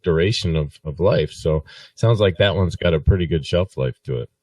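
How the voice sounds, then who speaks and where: A man with a very low voice trades easygoing banter as a live-stream host. The sound is dry, and he sits slightly away from the microphone. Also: moderate pace, breathy edge, dry recording, far from the mic. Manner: relaxed, joking banter. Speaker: show host. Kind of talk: casual live-stream chat.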